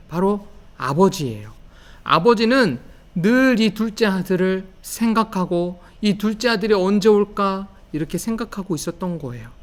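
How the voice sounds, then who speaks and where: A young man giving a gentle children's sermon, telling a story and asking the little ones questions. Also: high voice. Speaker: children's pastor.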